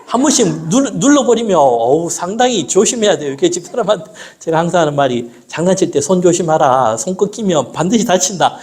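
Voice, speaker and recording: Lively pastor. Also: male voice, high voice. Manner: lively, asks the congregation questions and answers them himself; slows down when quoting scripture. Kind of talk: sermon.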